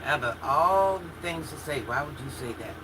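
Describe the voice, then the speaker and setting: A woman's voice: low voice, lively intonation, normal speed, background noise. Chatty woman in her fifties, humming room. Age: 50s. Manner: chatty and candid, talks straight to chat with frequent laughs and restarts. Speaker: livestream host reading viewer comments. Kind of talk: casual chat.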